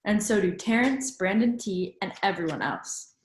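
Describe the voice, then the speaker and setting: Animated and mid-range, a woman's voice carries a teacher-like picture book reading, pausing to quiz young listeners and invite their thinking. The audio is reverberant and poor.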